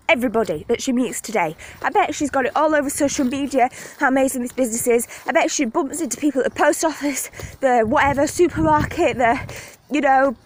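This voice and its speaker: Woman, high voice, out of breath, gushing motivational pep talk, phone camera, walking outdoors. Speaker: network marketing team leader.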